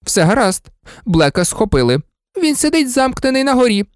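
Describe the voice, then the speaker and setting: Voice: mid-range voice, very animated, moderate pace, clear, resonant tone, no room sound, clean studio sound, pitched above the performer's own voice, lightly acted. A reader voicing a fussy, bossy middle-aged school nurse in a storybook, scolding and insistent. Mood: fussing.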